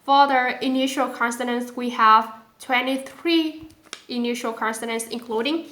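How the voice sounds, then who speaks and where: A woman with a Vietnamese accent teaching a pronunciation lesson, slow and careful, repeating each sound aloud. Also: fairly high pitch, steady tone, sharp tone, echoey room. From southern Vietnam. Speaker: language teacher.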